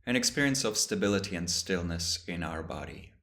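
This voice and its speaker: Here a meditation teacher guides listeners in a voice that is very deep and low. His pace is slow and calm, with lengthy silences between short phrases, and his tone holds soft and steady.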